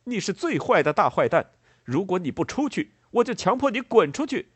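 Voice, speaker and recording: A man voicing a protective young man who speaks angrily and forcefully. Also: high-pitched, big pitch swings, normal speed, slightly rough, no echo, voice pushed up, exaggerated voice. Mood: angry. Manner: angry, forceful.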